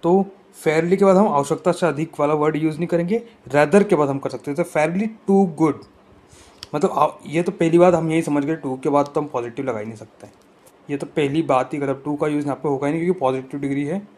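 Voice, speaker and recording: A man's voice: a little high, steady tone, quick pace, darkish tone. Man teaching grammar, explaining step by step. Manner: explains step by step, often checks with the class. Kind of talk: exam-prep grammar lesson.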